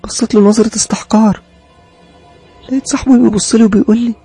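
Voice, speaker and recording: Fast, raspy Egyptian storyteller. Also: male voice, high voice, steady tone, dark tone, faint music behind. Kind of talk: horror story narration.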